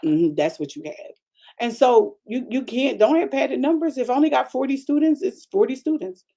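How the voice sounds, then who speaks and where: A mellow-voiced older woman pastor delivers a storytelling sermon. She is animated and emphatic and speaks directly to her listeners. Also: high-pitched, moderate pace. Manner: animated, emphatic, talks straight to the audience.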